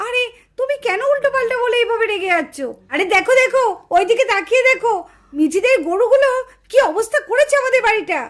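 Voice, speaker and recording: A woman doing a calm, chiding neighbor mother. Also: very high voice, quick pace. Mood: reasoning. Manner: reasoning, mildly chiding. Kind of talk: doll-show voice acting.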